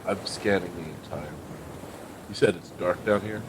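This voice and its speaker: A man's voice: sits low, normal speed. A man playing a tabletop game, chatting casually in character and out. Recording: clear sea and wind noise behind.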